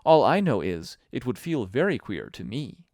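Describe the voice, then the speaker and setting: A man's voice: mid-range voice, sing-song, normal speed, darkish tone, dry recording, studio quality. A man voicing a polite, puzzled young girl who speaks shyly and earnestly in an audiobook reading. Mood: indignant. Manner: shy, earnest, a little flustered.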